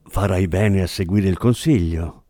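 A man's voice: sits low, measured pace, mellow, dry recording, clean studio sound. A man voicing a hard-bitten middle-aged partner in crime, blunt and combative. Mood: threatening.

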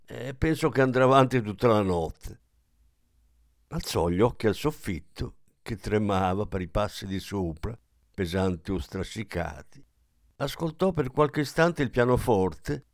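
Low-voiced male audiobook narrator. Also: creaky, no room sound, clean studio sound. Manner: measured, even storytelling. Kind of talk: scripted literary narration.

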